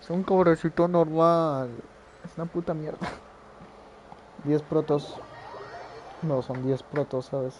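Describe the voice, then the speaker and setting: Excitable, foul-mouthed male gamer. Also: fairly high pitch, slow, pauses often, noisy background. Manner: profane, excitable, blurts sound effects. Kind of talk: casual gameplay commentary.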